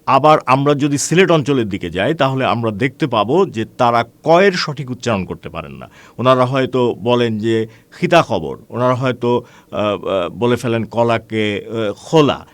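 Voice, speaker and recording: A man teaching an online class, explaining in a measured way with frequent hesitations, asking rhetorical questions and calling his students friends. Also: mid-range voice, lively intonation, no echo. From Bangladesh.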